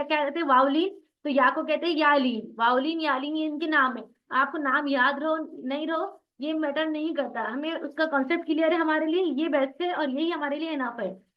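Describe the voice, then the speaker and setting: High-voiced woman drilling tajweed syllables. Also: muffled recording. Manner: asks questions and answers them herself; drills syllables slowly, one by one. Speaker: Quran recitation teacher. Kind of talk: online tajweed class.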